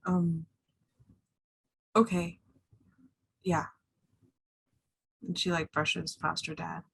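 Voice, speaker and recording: A woman speaking slowly and hesitantly as she plays a tabletop role-play. She halts between words, and her voice sits slightly low. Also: flat delivery, vocal fry, a bit bright, breathy edge, rough recording. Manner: hesitant, halting. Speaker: player.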